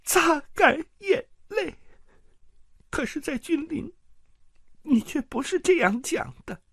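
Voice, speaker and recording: A man's voice: expressive, takes it slowly, vocal fry, fairly bright tone, no room sound, clean studio sound, full character voice. A man voicing a jealous, hysterical noblewoman who sobs and wails in an audiobook. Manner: shrill, sobbing, breaking into cries. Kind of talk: audiobook character voice.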